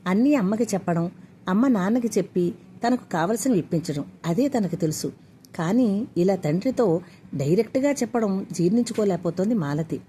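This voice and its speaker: A woman storyteller reading a scripted story aloud in a steady, even way. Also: mid-range voice, brisk, a little hiss or hum.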